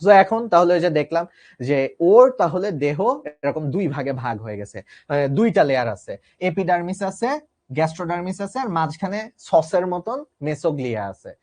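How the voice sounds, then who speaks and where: Lively young male biology teacher. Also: a little high, a little fast. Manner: lively, chatty, asks "ঠিক আছে?" often. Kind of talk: casual online lesson.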